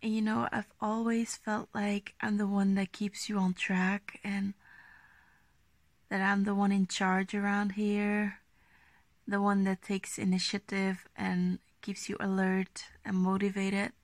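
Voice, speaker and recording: A woman doing an ASMR role-play as an affectionate, gently dominant girlfriend, speaking slowly and intimately in a coaxing half-soft voice. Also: mid-range voice, monotone, no echo, close to an everyday voice. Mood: teasing, assertive. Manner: slow, breathy, intimate, soft-spoken, coaxing.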